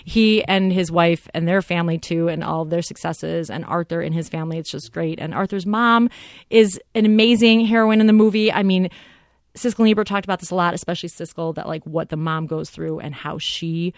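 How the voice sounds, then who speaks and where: A woman co-hosting a casual film podcast, talking excitedly and rambling with lots of fillers. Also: on the low side, a little fast, dry recording, studio quality. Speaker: podcast co-host.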